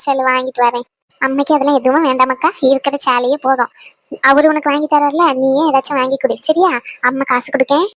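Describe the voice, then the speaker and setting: Brief: woman, bright high voice, tender cartoon family drama. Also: dry recording. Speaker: voice actor for women in a family cartoon.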